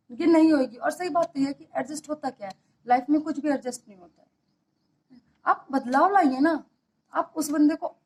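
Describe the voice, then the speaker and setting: A woman with a high, light voice speaks earnestly about marriage in a motivational talk. She keeps asking her listeners questions and circles back to the same points to drive them home. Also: poor audio.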